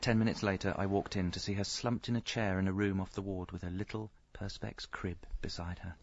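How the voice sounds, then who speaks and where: In a radio comedy drama, an actor with a British accent plays a hapless, pleading husband and father who narrates his own mishaps wryly, stammering and earnest. His low voice is steady and brisk. The highs are cut off, with slight background noise.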